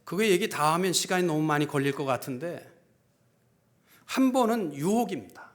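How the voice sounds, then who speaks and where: Give me a male pastor in his fifties preaching with a high, animated voice, quiet asides building to fervent peaks. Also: moderate pace. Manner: storytelling, acting out dialogue in a hushed low voice, then rising to fervent emphasis. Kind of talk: sermon.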